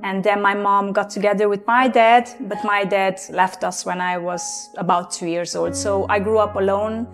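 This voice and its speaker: A young woman from Transylvania with a Hungarian-Romanian accent, giving a personal testimony in English with many pauses and fillers. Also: mid-range voice, steady tone, faint music behind. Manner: halting, many fillers and restarts. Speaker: guest.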